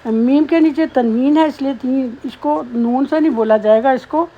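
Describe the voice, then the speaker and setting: Woman recitation teacher, high voice, patient explainer, muffled lo-fi recording. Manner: slow melodic chanting of verses, then patient spoken explanation. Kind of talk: tajweed lesson, recitation with explanation.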